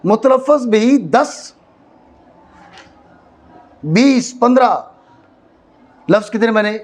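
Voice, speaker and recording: A man from Pakistan gives a classroom lecture in a fairly high voice. He often stops to ask whether his students are following. He slowly repeats key phrases to drive a point home. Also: animated. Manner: checks understanding, repeats phrases slowly for stress. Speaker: teacher of Arabic grammar. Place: madrasa classroom.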